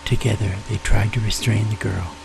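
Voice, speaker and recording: A soft-spoken, folksy man telling ghost stories in an unhurried ASMR style, sometimes dropping into a whisper. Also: on the low side, little pitch movement, creaky, noisy background. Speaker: storyteller, ASMR host.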